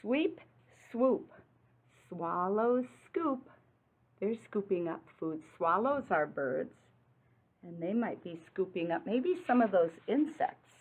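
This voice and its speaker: Animated and medium-pitched, this woman reads to young children from a picture book, asking simple questions and explaining as she goes. She lands hard on the rhyming words, and the audio sounds narrow and muffled, like a phone.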